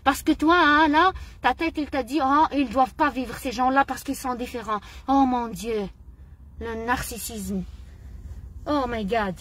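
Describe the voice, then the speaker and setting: High-voiced indignant woman. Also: a little slow, a bit bright. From Morocco. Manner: indignant, emotional, repeats phrases. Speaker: vlogger. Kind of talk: impassioned personal monologue.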